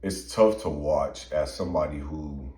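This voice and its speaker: Man, very low pitch, dark tone, emphatic casual talk, roomy echo. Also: a little slow. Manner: earnest, emphatic opinions with many fillers. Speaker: podcast co-host. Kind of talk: casual chat.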